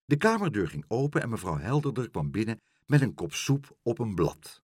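A man reads a children's story aloud in a husky voice, his pitch rising and falling widely. He tells it expressively. The sound is dry and close. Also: moderate pace, no room sound. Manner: expressive, doing all the voices.

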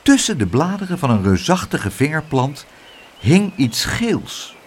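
A man reading a children's storybook aloud in a lively, expressive way. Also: fairly high pitch, unhurried, husky.

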